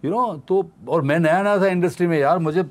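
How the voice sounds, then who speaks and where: A man's voice: sits high, a little fast. Guy on a podcast spinning a funny set story, does all the voices himself. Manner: animated, acts out quoted voices. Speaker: guest actor. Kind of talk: casual storytelling anecdote.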